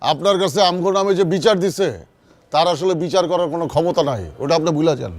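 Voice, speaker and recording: An actor playing a calm, blunt local strongman, speaking curtly. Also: on the high side, fast, no room sound, lightly acted. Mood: cool. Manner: calm, curt. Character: blunt male local strongman, self-assured.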